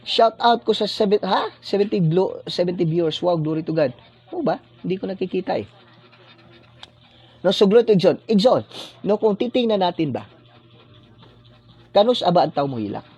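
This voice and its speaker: A man's voice: sits high, lively intonation, moderate pace, pauses often, a little mellow, husky. A male pastor giving a livestreamed sermon, dropping a tag question after phrases in a preacherly cadence. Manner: blessing-decree cadence, preacherly.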